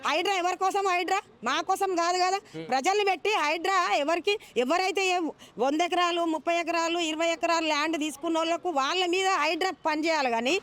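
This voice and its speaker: A woman with a Telangana accent arguing forcefully in a street interview, firing off rhetorical questions. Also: very high voice, fairly quick. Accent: Telangana Telugu. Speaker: local resident speaking out.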